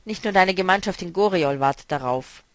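A man's voice: sits high, a little fast, a bit bright, no echo, pitched above the performer's own voice. A man reading a novel aloud, voicing a stern, mocking woman who speaks firmly and decisively. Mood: determined.

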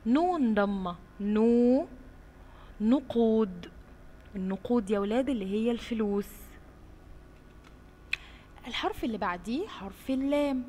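A woman teaching young children in an Egyptian Arabic accent, slowly sounding out letters and praising them often. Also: on the high side, warm tone. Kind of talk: slow drawn-out phonics lesson for young children. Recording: roomy with long reverb, faint hiss.

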